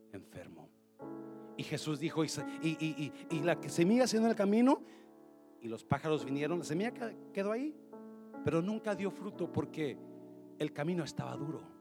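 A man preaching an impassioned sermon, mixing in English phrases and at times rising to a shout. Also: mid-range voice. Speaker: pastor.

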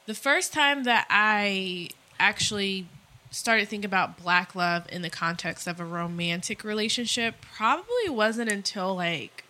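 A woman's voice: medium pitch, lively intonation, unhurried, pushed and bright. A woman co-hosting a podcast, talking candidly and reflectively in casual chat, with some swearing. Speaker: podcast co-host.

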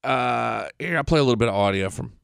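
A man's voice: medium pitch, expressive, fast talker, vocal fry, a bit bright, clean tone. A man talking off the cuff as a solo podcast host, blunt and opinionated, with casual swearing.

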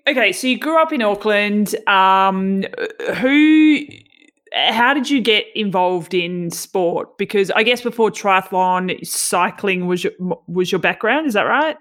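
A race commentator with a medium-pitched, fairly bright voice interviews a guest casually at a measured pace. She's animated and chatty, asking long, wandering questions and often restarting them.

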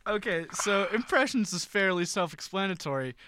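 A man's voice: sits high, lively intonation, moderate pace, sharp tone, clear, resonant tone. A young man in his twenties hosting a party-game chat with friends, playful and teasing with mock-dramatic complaints. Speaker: host of a party-game video. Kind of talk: casual chat among friends.

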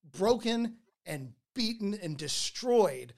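This podcast host tells stories with animated energy and often stumbles through repeated words at the start of a sentence. The voice sits at a middle pitch and ranges widely as the story builds. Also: takes it slowly.

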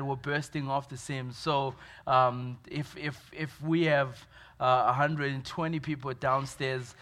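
Zimbabwean pastor with a flat delivery. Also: male voice, medium pitch. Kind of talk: church update from the pulpit.

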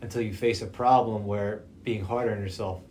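A man's voice: fairly low pitch, steady tone, a little fast, a little mellow. A man hosting a casual podcast conversation, talking through a face mask so his voice comes out slightly muffled. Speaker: podcast host. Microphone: socially distanced podcast setup. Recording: muffled through mask, noticeable background noise.

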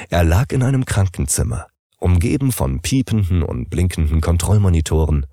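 Deep-voiced male audiobook narrator. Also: gravelly, dark tone, no echo, studio quality. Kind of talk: scripted narration.

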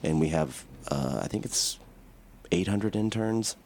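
A man's voice: deep voice, expressive, a little slow, darkish tone. A man co-hosting a radio podcast in a casual, tongue-in-cheek, joking way. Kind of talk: casual, joking show announcements.

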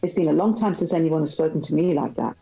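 A polished, self-assured young tycoon in a novel reading, all easy charm, as a woman reading aloud gives his lines. The voice sits low and mellow, with a faint bed of music underneath. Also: animated, fast, gravelly, poor audio. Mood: amused. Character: suave confident young male tycoon.

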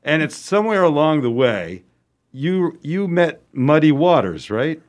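A man's voice: on the high side, big pitch swings, measured pace. A man, a chorus leader, chatting in an interview and prompting the older guest's stories. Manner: chatty, prompting, laughs along. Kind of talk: casual interview chat.

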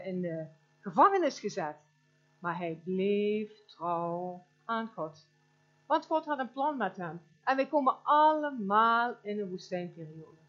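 A woman giving an informal, animated sermon, telling stories with emphatic exclamations and many fillers. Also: mid-range voice. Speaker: speaker at a church gathering. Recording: dull lo-fi recording.

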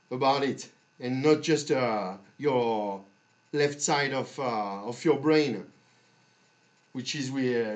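Man, slow pace, mid-range pitch, halting delivery, long pauses, motivational podcast monologue. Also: darkish tone. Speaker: podcast host.

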